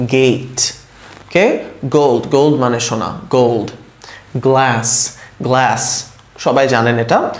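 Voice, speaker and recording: A man with a Bangladeshi accent teaching English vocabulary to Bengali speakers, repeating each word slowly and asking the listener to say it back. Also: medium pitch, roomy sound.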